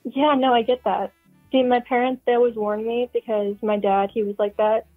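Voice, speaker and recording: A woman's voice: a little high, little pitch movement, moderate pace, soft background music. An eighteen-year-old woman calling in over the phone, chatting casually with plenty of ums and restarts. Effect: heard over the phone. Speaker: caller. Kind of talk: casual chat. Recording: tinny phone line.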